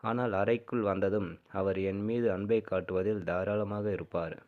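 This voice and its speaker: Guy reading a story out steady, lowish voice, sounds tinny like a phone. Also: normal speed. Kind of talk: scripted first-person story narration.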